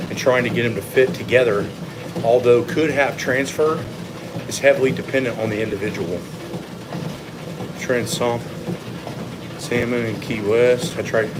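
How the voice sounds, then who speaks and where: Man chatting on a treadmill, machine noise behind. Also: mid-range voice. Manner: talking while walking on a treadmill; explanatory, opinionated. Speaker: fitness coach hosting a live Q&A. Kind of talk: casual livestream chat answering viewers. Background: treadmill or machine hum.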